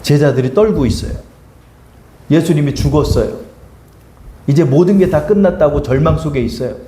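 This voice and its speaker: A man's voice: fairly high pitch, moderate pace. A middle-aged man preaching a sermon as pastor, telling stories and acting out the people he quotes. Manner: animated storytelling, acting out quoted voices. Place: church sanctuary. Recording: echoey church room.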